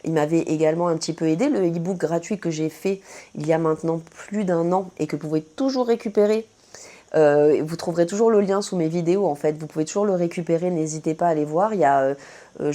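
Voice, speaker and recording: A woman from France with a French accent chats casually to camera, answering her viewers' questions with plenty of fillers and self-corrections. Her voice is low-pitched with a dark tone.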